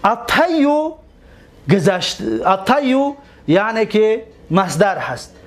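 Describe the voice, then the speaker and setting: A man's voice: sits high, lively intonation. A man with a Tajik accent teaching a classroom grammar lesson, reciting word forms in drills and asking and answering his own questions.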